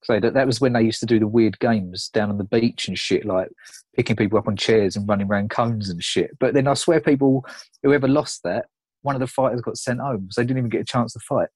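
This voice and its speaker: A man's voice: mid-range voice, fairly quick, a little mellow, husky, no room sound. A man chatting casually on a podcast, a laid-back, sweary storyteller. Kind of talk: casual chat.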